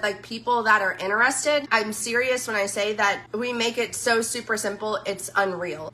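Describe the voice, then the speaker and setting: A woman's voice: a little high, sharp tone. A woman chatting in a casual live stream, gushing over products she tries and saying "y'all" to her viewers. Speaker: social media influencer.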